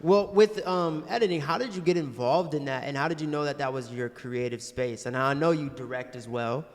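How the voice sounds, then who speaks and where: A man hosting a podcast interview asks long, rambling questions in a casual way. His voice is fairly high-pitched and a little fast, with long reverb on it.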